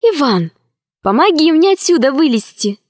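A woman's voice: sits high, very animated, normal speed, a little mellow, no echo, clean studio sound, voice pushed up. A woman voicing a capricious, spoiled young princess in a fairy tale, talking in a whiny tone.

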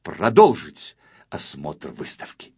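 A man voicing a dignified little male painter who speaks slowly and formally, making peace. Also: very deep voice, huge pitch swings, pitched below the performer's own voice, full character voice. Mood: conciliatory. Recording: dull lo-fi with faint music.

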